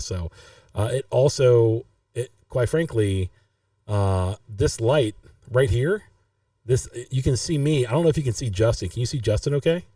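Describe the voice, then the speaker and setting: A man's voice: on the low side, dark tone, no room sound, recorded from a distance. A man hosting a casual live-stream podcast, rambling and restarting his sentences. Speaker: podcast host.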